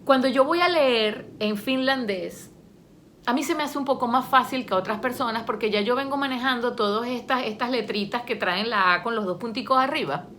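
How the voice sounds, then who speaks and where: Chatty woman, higher voice. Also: brisk, a little hiss or hum. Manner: chatty and expressive, laughs often while telling stories. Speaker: vlogger and language learner. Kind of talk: casual talk to camera.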